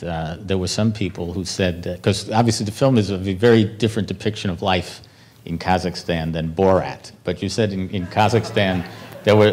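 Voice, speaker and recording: A man's voice: sits low, darkish tone. A man moderating a festival Q&A, asking long, winding questions full of restarts. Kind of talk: onstage Q&A moderating. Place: film festival stage before an audience.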